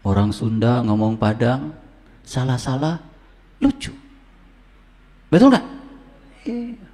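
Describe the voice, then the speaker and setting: A male preacher giving a humorous sermon, joking and quizzing his audience with questions. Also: slow pace. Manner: lively, rising to high emphatic pitch. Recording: long hall reverb.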